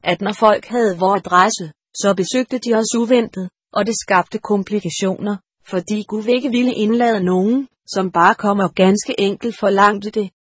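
Breathy woman reading a storybook. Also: medium pitch, fairly even intonation, hardly any pauses, dry recording, clean studio sound. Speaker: audiobook narrator. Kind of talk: scripted storybook narration.

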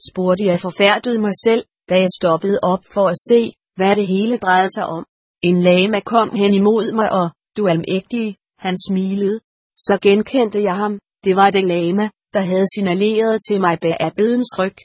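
A woman reads a first-person story aloud in a steady, measured voice. Her tone is slightly breathy and sits at a middle pitch, recorded close and dry with no room sound. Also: dry recording. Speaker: audiobook narrator. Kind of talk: first-person audiobook narration.

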